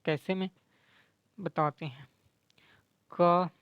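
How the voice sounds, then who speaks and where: A man teaching grammar, explaining quiz answers slowly and repeating letters aloud, often asking "है ना?" and mixing in English words. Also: on the high side, steady tone, no room sound, highs cut off. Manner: slow, repetitive, checks in with "है ना?"; sounds out letters slowly to demonstrate.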